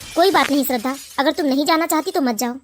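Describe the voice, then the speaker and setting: A patient elder brother in an animated family drama, voiced by a performer. His very high voice stays calm and conciliatory. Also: quick pace, a little hiss or hum, close to an everyday voice. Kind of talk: animated cartoon voice acting.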